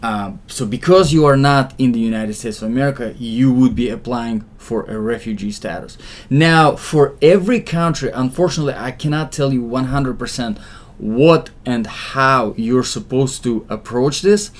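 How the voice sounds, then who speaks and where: A man's voice: mid-range voice, moderate pace. A man, an immigration consultant, gives casual, reassuring advice to viewers, with frequent fillers and restarts.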